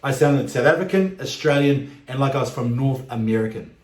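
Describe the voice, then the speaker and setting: Talking directly to camera, this YouTube host is a man in his forties whose accent marks him as a New Zealand expat. He speaks emphatically at medium pitch, brisk and slightly mellow, in an echoey, roomy-sounding space.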